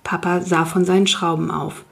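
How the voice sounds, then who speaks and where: A woman narrating a children's story in the first person, calm and even. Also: fairly low pitch, normal speed, vocal fry. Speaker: audiobook reader.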